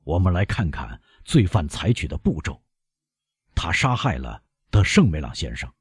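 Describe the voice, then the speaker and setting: A relentless doctor, voiced by a man reading an audiobook, cold and measured as he presses his case. His deep voice is rough and husky, rising and falling sharply, and sounds dry and close. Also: big pitch swings, dry recording, exaggerated voice. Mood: stern. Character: stern older male doctor, relentless accuser.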